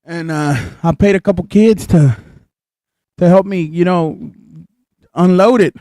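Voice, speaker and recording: A young man co-hosting a casual chat show, talking in an animated, excitable way and swearing freely. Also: high voice, measured pace, dry recording. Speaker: co-host.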